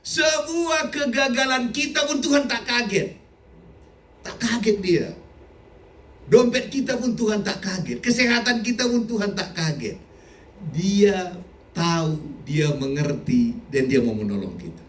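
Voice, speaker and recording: A middle-aged man preaching a sermon as a pastor, animated, sometimes shouting and often laughing. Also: sits high, unhurried, slight background noise. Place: church hall. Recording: echoey church hall, mic from a distance.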